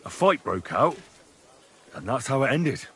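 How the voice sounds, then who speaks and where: An actor playing a young soldier who lays out his evidence in a steady, matter-of-fact way in a video game. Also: medium pitch, a little slow, slightly rough, exaggerated voice.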